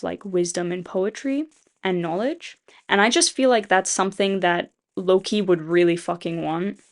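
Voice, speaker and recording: A woman casually retelling a story she wrote, rambling and restarting, with frequent "like" fillers and casual swearing. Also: fairly low pitch. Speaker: video creator. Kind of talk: casual retelling of a fan rewrite.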